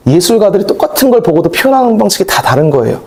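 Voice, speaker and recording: A male pastor preaching a sermon in a conversational, animated way, with asides and acted-out quotes. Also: high voice, very fast.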